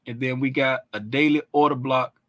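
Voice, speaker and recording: On a dry recording, a trading educator with a mid-range, slightly bright voice goes over charts at a moderate pace and fairly even intonation. He's casual and conversational, restarting phrases and checking in with "right?" and "you know what I'm saying?"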